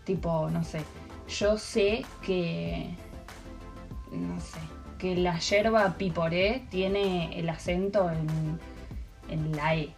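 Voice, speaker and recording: A woman's voice: fairly low pitch, fairly even intonation, very slow, gravelly, darkish tone, faint music behind. A young woman with an Argentine Spanish accent chatting casually, rambling through stories with lots of fillers. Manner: rambling storyteller with many fillers. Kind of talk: casual chat.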